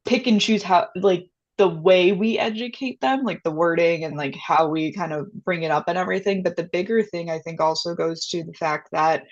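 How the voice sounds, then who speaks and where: A woman with a fairly low voice chats informally as a show co-host. Her delivery is casual and conversational, and the recording is a little dull. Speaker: book review co-host. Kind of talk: casual chat.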